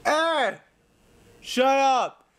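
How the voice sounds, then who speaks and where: A man's voice: very high-pitched, animated, drawn-out words, fairly bright tone, heavily acted. A young man playing a drunk, callous deadbeat dad in a surly comedy sketch testimonial. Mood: angry. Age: young adult. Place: indoor room at home.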